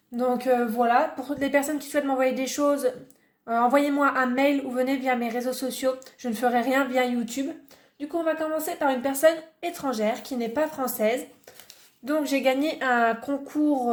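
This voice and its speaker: A chatty woman from France talks through a relaxed show-and-tell vlog. Her voice sits a little high, and she fills her sentences with hesitations and small restarts. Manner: chatty, many fillers and restarts. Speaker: hobby vlogger.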